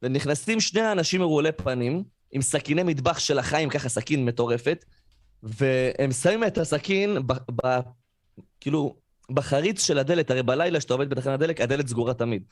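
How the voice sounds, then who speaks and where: A man's voice: medium pitch, no echo. A man telling a story on a podcast. He talks casually and fills it with fillers, and he acts out the people he quotes. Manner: animated, acts out quoted voices, frequent fillers. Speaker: podcast co-host.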